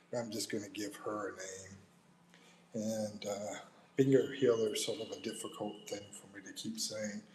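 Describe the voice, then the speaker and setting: A man's voice: on the low side, a little mellow, slight background noise, low-quality recording. A middle-aged American man hosting a livestream, casually reading viewer comments aloud and chatting back loosely, calling people "bro". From United States. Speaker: livestream host.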